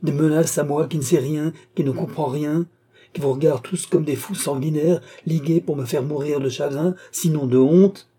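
A proud, desperate young noblewoman from a classic novel read aloud, as a male reader puts her on. She pleads and defies with a raised, strained voice, yet the tone stays dark and husky. She sounds close to tears without ever breaking. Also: medium pitch, expressive, measured pace. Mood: exasperated.

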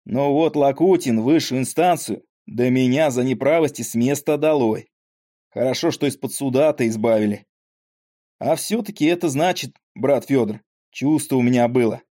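A man's voice: medium pitch, moderate pace, dark tone, close to an everyday voice. A man voicing a frail, talkative old father with a weak voice and rambling folksy speech, in an audiobook. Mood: grumbling, chatty.

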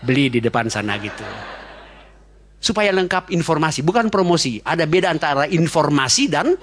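Fast-talking joking male pastor. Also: a little high, animated, fairly bright tone. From Indonesia. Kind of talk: sermon.

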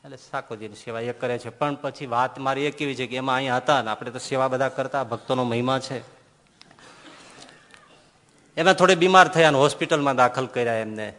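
Preacher, male, mid-pitched, storytelling sermon, swings between loud and quiet, long hall reverb. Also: brisk. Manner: storytelling, lively rises and drops in loudness. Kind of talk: devotional sermon.

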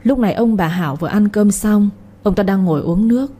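A woman narrating a story in a calm, measured audiobook style. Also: medium pitch, husky.

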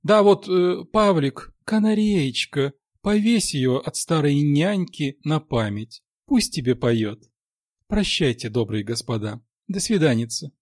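Male reader doing a high, sing-song old nanny, doting and fussy; storybook voice. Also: animated, a little slow, no echo, clean studio sound. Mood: fussing.

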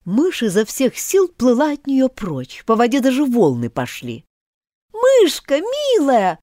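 Animated woman reading a fairy tale. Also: on the high side, moderate pace, dry recording, studio quality. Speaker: audiobook narrator. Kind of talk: storybook narration.

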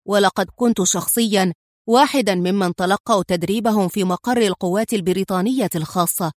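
A woman reading an angry, chain-smoking male police inspector in an audiobook, with a sharp, scolding manner. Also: sits high, no echo, studio quality, close to an everyday voice.

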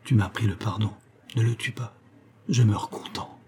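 A man's voice: on the low side, unhurried, a little hiss or hum, lightly acted. Man voicing a tender dying old man. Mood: faint. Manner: soft, gentle farewell speech.

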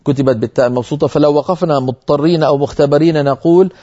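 A man teaching Quran reading in a broadcast lesson, explaining slowly and chanting the quoted verses. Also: a little high, dark tone, muffled recording. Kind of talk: televised religious lesson.

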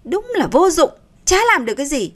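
Woman reader doing a contemptuous older mother-in-law, sharp scolding, higher voice. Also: sing-song, a little fast. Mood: scornful.

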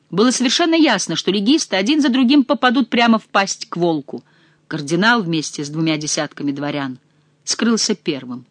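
A woman narrating a novel in a measured, expressive reading. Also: medium pitch, dry recording. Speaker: audiobook reader. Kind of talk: scripted narration.

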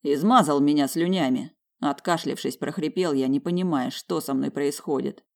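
A man's voice: fairly high pitch, moderate pace, vocal fry, a little mellow. A man narrating a first-person audiobook in a wry, inward way, grumbling in the dialogue.

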